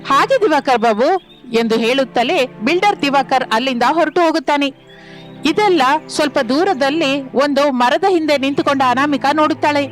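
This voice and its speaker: High-voiced woman narrating a story. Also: moderate pace, soft background music. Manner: steady, storytelling.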